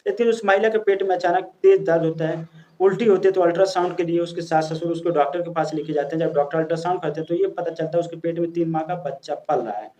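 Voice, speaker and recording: High-voiced male storyteller. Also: quick pace, dark tone, dull audio. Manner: chatty, addresses listeners as friends, frequent restarts and fillers. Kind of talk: casual storytelling narration.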